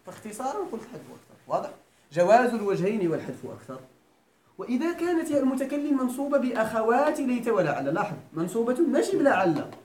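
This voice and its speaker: With an extremely high, sing-song, darkish voice and a quick delivery, this man lectures on Arabic grammar in a Moroccan accent. He often quizzes the class at the Quran school to make sure they're following. The recording has echo and faint background noise.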